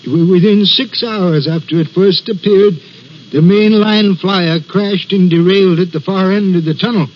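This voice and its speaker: An actor playing a nervous railway signalman in a 1940s radio play, telling his story in a halting, stammering way. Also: sits high, steady tone. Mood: haunted. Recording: dull old radio recording.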